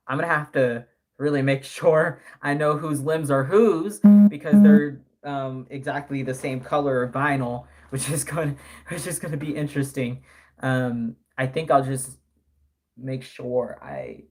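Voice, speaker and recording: A live streamer and doll artist in his early twenties chats casually on a stream, rambling with lots of fillers and self-corrections. His mid-range voice is unhurried and slightly mellow.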